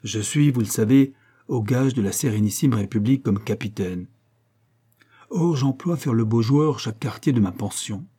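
A man's voice: medium pitch, normal speed, warm tone, breathy edge, natural voice. A man reading aloud, voicing a proud, poor young captain in an impassioned, declamatory way. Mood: earnest confession.

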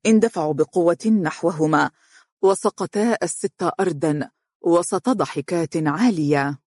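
Measured storybook narrator, dry sound. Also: mid-range voice, darkish tone, no room sound. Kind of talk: storybook reading in Standard Arabic.

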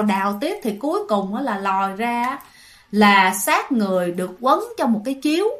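A woman with a Southern Vietnamese accent narrates a ghost story. She talks casually to her listeners, full of little fillers, in a fairly high voice. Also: fairly bright tone. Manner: chatty, addresses listeners, many fillers.

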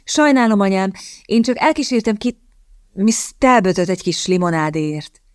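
A woman reading the part of an earnest young gentleman in love, eager and stammering. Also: medium pitch, lively intonation, dry recording, clean studio sound, lightly acted.

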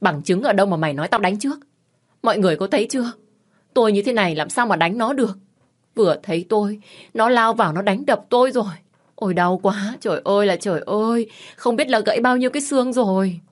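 A woman voicing a loud, quarrelsome woman over fifty who shouts and wails theatrically in an audio story. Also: fast, lightly acted. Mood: wailing. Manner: shrill, wailing, theatrical ranting.

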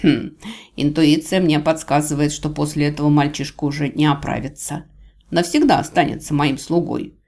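A woman reading an audiobook voices a smug, cruel male villain god who talks with drawling, mocking calm. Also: deep voice, moderate pace. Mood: menacing. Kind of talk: audiobook character voice.

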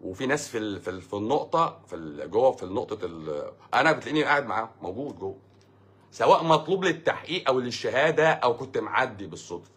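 An Egyptian-accented man hosts a casual livestream, reading out viewer questions and answering them with rambling sarcasm. His delivery is rapid and his voice is husky. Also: mid-range voice, sing-song, a bit bright. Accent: Egyptian Arabic. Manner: sarcastic, mocking, fast and rambling.

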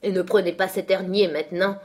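A woman reading aloud, voicing a blunt, indignant housekeeper who scolds with loud emphasis. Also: lowish voice, steady tone, a little fast, lightly acted. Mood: scornful.

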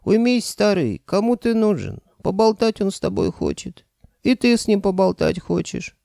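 A man's voice: high-pitched, huge pitch swings, moderate pace, gravelly, dark tone, no room sound, clean studio sound, voice pushed up, heavily acted. A man voicing a stern, folksy old grandfather who speaks firmly. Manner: folksy, firm.

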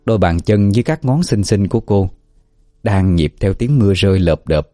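A man calmly narrating a scripted folk ghost story, with faint music behind. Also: fairly low pitch, normal speed, no room sound, clean studio sound.

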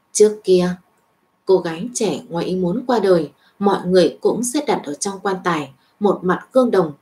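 Low-voiced woman reading a story. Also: warm tone. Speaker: narrator. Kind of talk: scripted narration of a web novel.

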